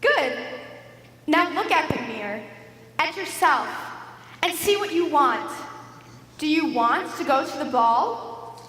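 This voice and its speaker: Young actress as a bossy mirror fairy, high and theatrical, in a reverberant hall. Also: female voice, expressive, slow pace, long pauses, fairly bright tone, a little hiss or hum, full character voice. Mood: brisk. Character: brisk, vain, scatterbrained female fairy in a mirror. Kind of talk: school stage play. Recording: roomy stage hall with music.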